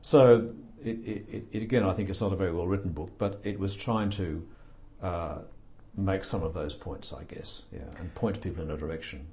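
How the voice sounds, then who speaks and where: Answering an interviewer's questions, an older male author speaks in a mellow, very deep voice, unhurried and reflective. Frequent filler-laden pauses punctuate his replies, along with bits of understated, dry humor.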